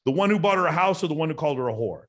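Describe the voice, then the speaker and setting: A man's voice: fairly high pitch, expressive, rapid-fire, a bit bright. A man talking as a guest on a podcast, telling stories in a blunt, emphatic and profane way. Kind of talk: casual podcast chat.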